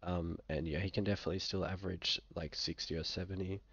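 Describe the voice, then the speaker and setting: Speaking fast with fairly even intonation, a young Australian man with a low, gravelly, slightly bright voice gives casual screen-share commentary as a fantasy football vlogger. He's a bit sick, coughs occasionally, and comes across laid-back and hesitant, full of fillers. The sound from the small indoor room is dry and muffled.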